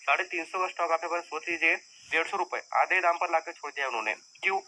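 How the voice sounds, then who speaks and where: A man's voice: fairly high pitch, quick pace, sharp tone, low-quality recording. A man teaching viewers about stock market risk in a conversational, repetitive lesson style. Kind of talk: explanatory screen-share lesson.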